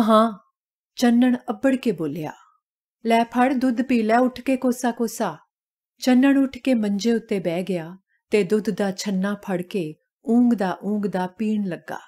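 A woman narrating a short story in a calm, measured reading voice. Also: medium pitch.

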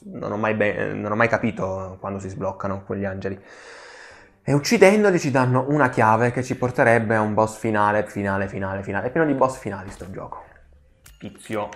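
A man hosting a gaming channel, giving excitable let's play commentary, swearing and pleading with the enemies on screen. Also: on the low side.

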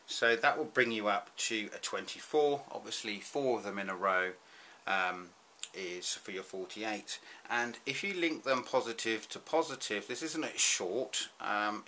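A man's voice: lowish voice, measured pace, bright, forceful tone, a little hiss or hum. A man explaining a DIY solar setup in a casual, rambling way, with frequent ums as he draws at a desk. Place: indoors at a desk.

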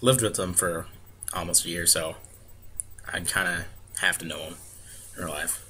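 Casting: young American man, deep but forceful voice, hesitant casual vlogger delivery. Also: moderate pace, slight background noise. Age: 20s. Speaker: vlogger answering a questionnaire. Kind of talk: casual chat with word-list and book reading. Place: small home room, indoors. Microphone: webcam or laptop mic at arm's length.

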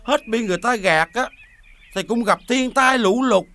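An actor playing a greedy, henpecked eldest son in a TV folk-tale drama, with a whiny, pleading manner. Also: male voice, very high voice, moderate pace, fairly bright tone. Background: music.

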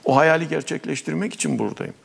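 A man's voice: a little high, fast talker, gravelly, long reverb tail, pitched above the performer's own voice. A man voicing a kind talking sparrow. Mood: reassuring. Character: tiny talking red-bellied sparrow, confident and kind.

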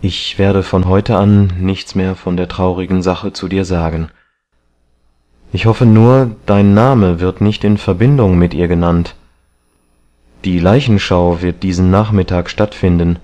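A man reading an audiobook, voicing a gentle, devoted middle-aged painter who talks in an earnest, coaxing way. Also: deep voice, steady tone, measured pace.

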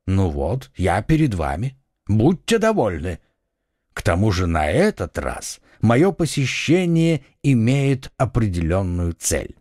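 A man voicing a mocking aristocratic lord in an audiobook, slow and sarcastic. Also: fairly low pitch, big pitch swings, darkish tone, no room sound, studio quality, full character voice. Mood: sardonic. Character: mocking aristocratic lord, middle-aged, sardonic. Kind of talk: audiobook character reading.

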